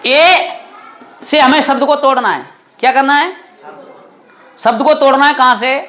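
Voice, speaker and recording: A man's voice: extremely high pitch, bright, forceful tone. Stern man teaching a grammar class. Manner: stern, scolding, full of quick quiz questions to students.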